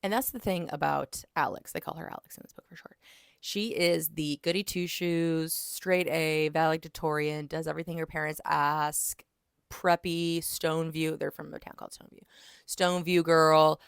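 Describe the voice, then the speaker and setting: Young woman, chatty book reviewer, deep voice, dry close recording. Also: moderate pace, vocal fry, smooth, no echo. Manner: chatty, animated retelling with quoted voices and asides. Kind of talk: casual book review chat.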